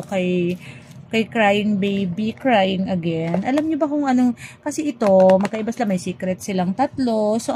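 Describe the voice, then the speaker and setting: A woman's voice: mid-range voice, warm tone, low-quality recording. A woman chatting casually to her viewers as she unboxes toy figures, switching between Tagalog and English. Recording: clear background ambience noise.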